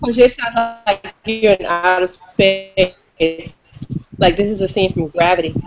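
A woman's voice: mid-range voice, unhurried, music in the background. A woman co-hosting a casual online video chat, joking around and laughing often. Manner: laughs often, jokey and chatty. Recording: noisy online call audio.

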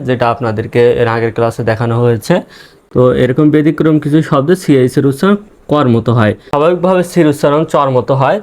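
A man teaching English reading, spelling words letter by letter and sounding out each syllable slowly. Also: medium pitch, darkish tone. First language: Bengali. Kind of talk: spelling-out pronunciation lesson.

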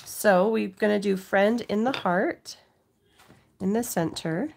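A woman's voice: medium pitch, slow pace, gravelly, darkish tone, a little hiss or hum. A middle-aged woman with a cold, giving a casual craft demonstration to viewers as the host at home. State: has a cold, occasional cough. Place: indoors at a home craft table.

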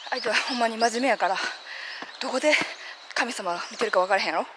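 A woman's voice: on the high side, fast talker, very noisy. Chatty Kansai woman vlogging outdoors. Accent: Kansai Japanese. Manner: chatty, excitable, playful, breaks into laughs. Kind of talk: casual outdoor vlog chat. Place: outdoors by the sea.

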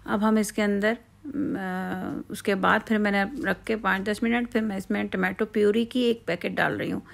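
Gravelly woman talking through a recipe. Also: mid-range voice, steady tone, moderate pace. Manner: chatty step-by-step explaining with fillers. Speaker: home cooking channel host. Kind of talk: casual cooking tutorial. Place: outdoors at night, cooking.

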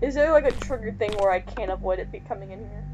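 With music playing behind her, a young woman talks fast in a mid-range voice as host and player of a let's play. Her gaming commentary is casual, punctuated by alarmed exclamations at the game.

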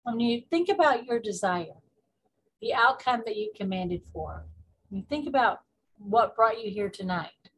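A woman acting as a spiritual coach leads a guided meditation, her mid-pitched voice carrying lively intonation and a breathy edge. She speaks deliberately, repeating short phrases and pausing between affirmations, on a low-quality recording.

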